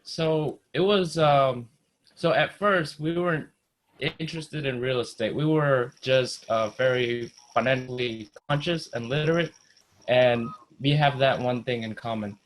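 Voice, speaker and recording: A man's voice: medium pitch, measured pace, slight background noise, poor audio. A man in his thirties from Indonesia, a guest investor telling his story in an easygoing way on a video call. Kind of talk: casual video call chat.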